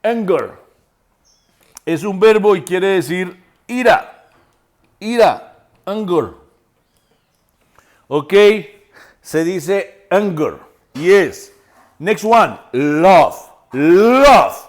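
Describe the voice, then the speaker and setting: High-pitched guy teaching english real slow, says each word over and spells it out. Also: expressive. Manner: repeats and spells words aloud. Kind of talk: slow spoken language lesson.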